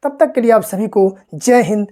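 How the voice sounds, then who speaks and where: A woman with a fairly high voice teaches an online grammar lesson. She asks the class questions, answers them herself, repeats the main points and says letters slowly and carefully. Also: dark tone. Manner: slow, careful sounding-out of letters.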